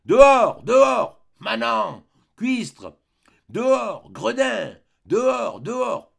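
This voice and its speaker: A man's voice: very high-pitched, very animated, very slow, creaky, a bit bright, voice pushed up, heavily acted. A man playing a roaring furious old marquis. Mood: raging. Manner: roaring, breathless outbursts. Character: furious old male marquis, violent shouter.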